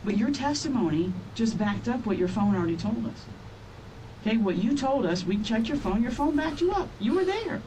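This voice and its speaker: A woman's voice: on the high side, big pitch swings, moderate pace, mellow. A woman police detective conducting an interrogation, firm and pressing, repeating her key points. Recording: distant interview-room mic with faint noise.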